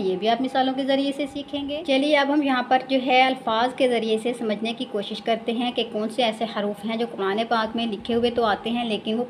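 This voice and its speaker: A woman with an Urdu accent teaching Quran recitation in a lesson, explaining patiently and repeating each word slowly and drawn out. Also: on the high side, slight background noise. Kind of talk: slow step-by-step recitation lesson.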